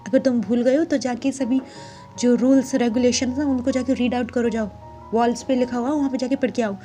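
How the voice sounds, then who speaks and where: Woman doing a strict old vice principal, snapping at kids, rattles off lectures fast, mellow voice, bit of music behind. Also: on the high side, fairly even intonation, natural voice. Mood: scolding. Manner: scolding, fast-talking. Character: strict stern older male vice principal.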